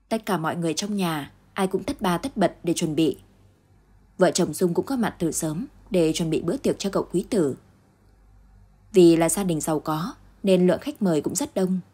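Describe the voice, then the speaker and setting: A woman narrating a late-night short story in a steady, measured reading voice. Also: fairly low pitch, husky.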